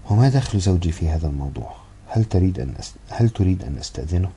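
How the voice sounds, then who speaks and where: Brief: indignant young wife, read by a man, very deep dark voice, loud protest. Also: animated, quick pace, gravelly, slight background noise. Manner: insistent, indignant, raised voice. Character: insistent young foreign wife, defiant.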